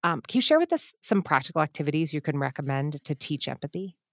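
A woman host asking an interview guest questions in a measured, encouraging way. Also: sits low, very animated, no room sound, studio quality.

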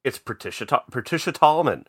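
A man's voice: mid-range voice, sing-song, a little fast. A man co-hosting a podcast with casual talk about films. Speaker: podcast co-host.

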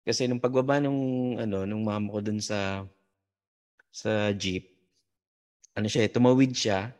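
A man, a podcast guest, telling a story in casual talk, halting and full of fillers and restarts. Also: on the low side, fairly even intonation, darkish tone.

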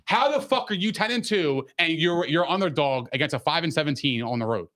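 Insistent male sports debater with a bright, forceful voice. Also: fairly high pitch, expressive, brisk. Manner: argumentative, insistent, repeats points for emphasis; profane, slangy. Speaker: sports podcast co-host. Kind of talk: casual, heated sports debate.

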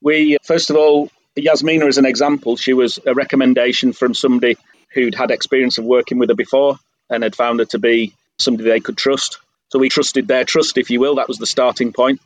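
A middle-aged English man talking candidly as an interview guest, measured and self-deprecating. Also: medium pitch, little pitch movement, poor audio. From England. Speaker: guest, business owner abroad. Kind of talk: interview conversation.

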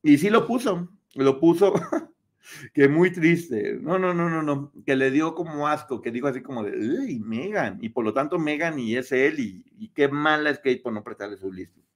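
A man's voice: fairly high pitch, lively intonation, moderate pace. A man with a Mexican accent, hosting a live stream and giving a casual, gossipy, mocking book review. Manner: gossipy and mocking, acts out quotes in playful voices.

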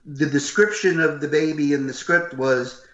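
An older man with a loud, gruff voice, telling animated stories as a voice actor being interviewed. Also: on the high side, normal speed. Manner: animated, acts out what others said. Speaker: voice actor guest. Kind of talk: interview storytelling. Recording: roomy, slightly dull recording.

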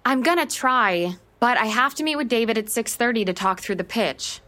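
An actress playing an anxious, uptight young American bride-to-be and affectionate big sister in a naturalistic audio drama. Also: female voice, fairly high pitch, expressive, moderate pace, pushed and bright, dry recording. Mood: reluctant. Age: young adult. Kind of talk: scripted audio drama, naturalistic dialogue and narration.

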